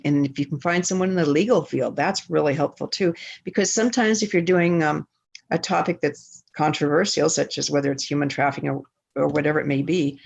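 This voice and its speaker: A woman's voice: low-pitched, gravelly, slightly rough. A woman author giving an earnest, conversational talk to a writers' group over a video call. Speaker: guest speaker author.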